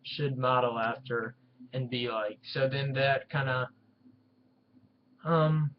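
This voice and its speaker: A man's voice: mid-range voice, takes it slowly, muffled recording, slight background noise. A man casually recapping and reviewing a wrestling show, rambling with many fillers and restarts.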